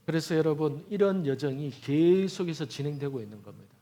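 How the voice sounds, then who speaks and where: A middle-aged man preaching a sermon in a fairly high voice. He tells a personal testimony and voices prayers and inner words more quietly and lower. The delivery is that of a pastor speaking to his congregation. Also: animated, fairly quick. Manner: storytelling, quoting prayers and God's words in a hushed lower voice.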